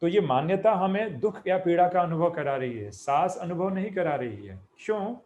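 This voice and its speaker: A man gives an explanatory talk as a spiritual teacher. His voice sits a little higher than most men's. He builds the idea up step by step, glosses each term in plain words, and puts questions to the listener before answering them himself. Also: expressive, moderate pace, a little mellow. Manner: explains step by step, repeats terms with Hindi glosses.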